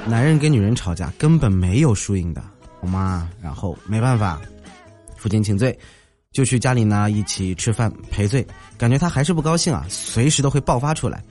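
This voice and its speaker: Male host telling funny stories, mid-pitched, very animated delivery, soft music underneath. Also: fairly quick. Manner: lively storytelling, mimics others' voices. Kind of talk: comic anecdote narration. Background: faint music.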